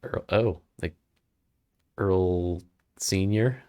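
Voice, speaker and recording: A man's voice: sits low, drawn-out words, mellow, clean tone. A man co-hosting a live game stream, talking easygoing and dry while he sets up the game capture. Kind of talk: casual chat.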